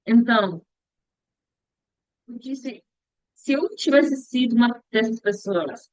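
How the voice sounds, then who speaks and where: A young woman talking slowly and hesitantly in a casual vlog about her upcoming mission, often stopping to search for words and restarting her sentences. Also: fairly high pitch, lively intonation, no room sound. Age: young adult. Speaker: future missionary practicing a language. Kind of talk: casual reflective vlog monologue. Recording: dull, dry lo-fi recording.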